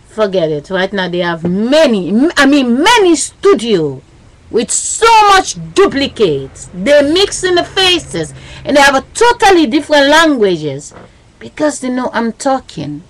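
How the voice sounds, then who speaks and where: On a rough recording from a built-in webcam mic, a fairly high-pitched, sing-song woman vlogs at an unhurried pace. She rants in an agitated, rambling way, repeating herself in broken, non-native grammar.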